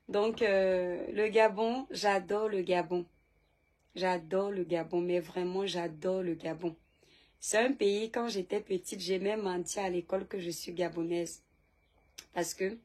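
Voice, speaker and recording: A woman's voice: medium pitch, darkish tone. Lady on a phone live stream, chatty, reading out comments and replying. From Cameroon. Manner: chatty, reads viewer comments aloud and answers them. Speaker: live-stream host and seller. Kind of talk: casual live-stream chat.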